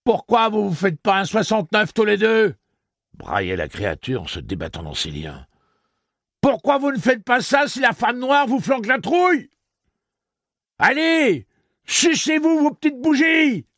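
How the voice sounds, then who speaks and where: A man's voice: very high-pitched, very animated, measured pace, a bit bright, dry recording, clean studio sound, pitched above the performer's own voice, exaggerated voice. Man shrieking as a vicious screaming woman. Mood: taunting. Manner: shrieking, taunting, crude.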